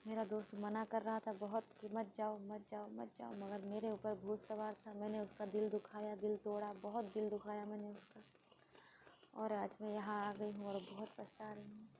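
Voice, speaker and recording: Sad Indian woman with a flat, mellow voice. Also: mid-range voice, moderate pace, poor audio. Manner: sad, pleading, repetitive. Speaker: vlogger. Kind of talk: emotional personal vlog. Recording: faint background noise.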